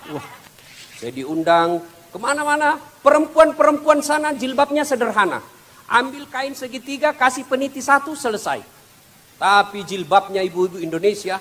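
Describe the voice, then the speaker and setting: A man preaching a humorous sermon to a big outdoor crowd, animated and jokey, acting out scenes with voices. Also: high-pitched. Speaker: Islamic preacher. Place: outdoor field gathering.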